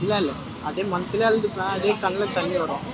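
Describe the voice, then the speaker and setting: A man's voice: high-pitched, quick pace, heavy background noise. A young man answering street interview questions outdoors, earnest and rambling, a little defensive.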